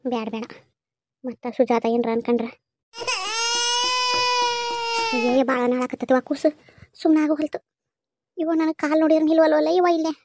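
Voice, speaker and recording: A woman's voice: high-pitched, completely flat delivery, quick pace, pauses often, dark tone, no room sound, clean studio sound. A woman voicing a fretful village grandmother in a cartoon, fussing and scolding in a North Karnataka accent. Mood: worried. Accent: North Karnataka Kannada. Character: fretful village grandmother, doting on crying baby. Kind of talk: cartoon voice acting.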